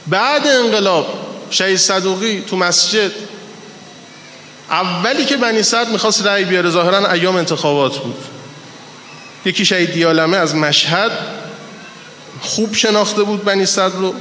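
Emphatic preacher in an echoing hall. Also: male voice, sits high, sharp tone. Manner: emphatic, drawn-out stresses on key words. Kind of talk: storytelling sermon. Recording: echoey hall with long reverb, faint background hiss.

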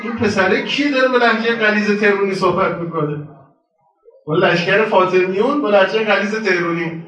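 A man giving a religious sermon in a colloquial storytelling way, moving between raised and hushed delivery. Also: high voice. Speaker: preacher. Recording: very echoey hall, voice from far off.

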